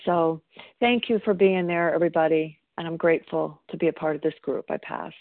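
Lowish-voiced woman sharing over the phone. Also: a little fast, slight background noise. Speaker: member sharing at a recovery meeting. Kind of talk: reflective personal sharing. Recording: dry, tinny phone line.

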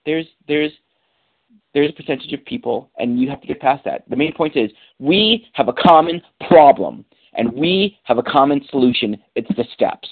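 A man gives advice in a lively voice that swoops up and down, emphatic and slangy, circling back to the same points. The sound is thin and tinny, as over a phone line. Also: mid-range voice, normal speed, breathy edge. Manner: street slang, emphatic, repeats himself. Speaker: speaker answering questions at a recovery meeting. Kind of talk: casual, animated advice.

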